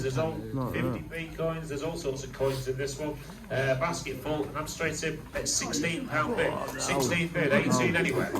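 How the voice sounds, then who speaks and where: A British man working as an auctioneer, calling bids in a repetitive, clipped chant of numbers with bantering asides. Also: on the high side. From United Kingdom. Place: busy auction room. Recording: distant echoey room with loud crowd. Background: loud crowd chatter.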